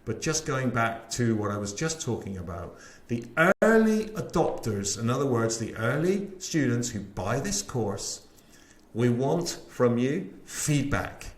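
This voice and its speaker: A man's voice: medium pitch, big pitch swings, unhurried. West country bloke selling his sales course on a webinar, keen, asks lots of questions, bit of room echo. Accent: West Country English. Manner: enthusiastic, chatty, rhetorical questions. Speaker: sales trainer. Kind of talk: webinar presentation.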